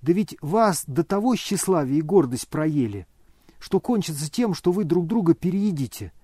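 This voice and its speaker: A man's voice: on the high side, big pitch swings, moderate pace, dark tone, husky, dry recording, clean studio sound. A man voicing an indignant older noblewoman who scolds and exclaims.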